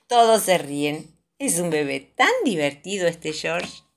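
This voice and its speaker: Rioplatense lady reading kids stories, sing-song, slightly low voice. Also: expressive, measured pace. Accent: Rioplatense Spanish. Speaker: storyteller. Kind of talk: reading children's stories aloud.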